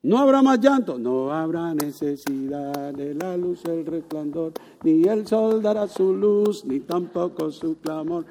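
A male pastor preaching a lively sermon to his congregation, joking and rising to loud exclamations. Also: fairly high pitch, slow, hardly any pauses, slight background noise. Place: church. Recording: long reverb of a church hall.

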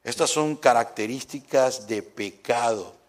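A man preaching a sermon in an animated way, swinging from loud exclamations to hushed asides. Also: medium pitch, measured pace.

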